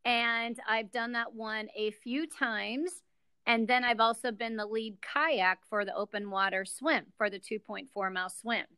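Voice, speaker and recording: Bright, crisp-voiced American woman guest. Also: on the high side, fairly even intonation, measured pace, dry recording. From United States. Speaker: guest, executive director. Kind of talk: podcast interview.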